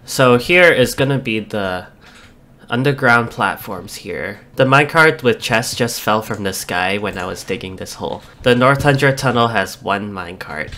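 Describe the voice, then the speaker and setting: A man's voice: lowish voice, animated, normal speed, bright, forceful tone. A man hosting a let's play, casually talking through the changes he made to his build, step by step. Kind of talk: casual gameplay commentary.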